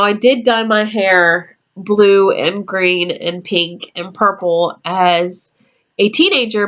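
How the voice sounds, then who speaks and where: A woman in her twenties with a medium-pitched, fairly bright voice chats casually to camera from her room at home. She's a YouTuber doing vlog talk, meandering through a list with lots of ums.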